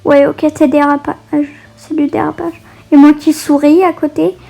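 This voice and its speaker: A woman's voice: high voice, little pitch movement, normal speed, gravelly, mellow, soft background music. A woman chatting casually while playing a mobile game, reading its text aloud with frequent hesitations and restarts. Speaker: gaming video creator. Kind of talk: casual let's-play commentary.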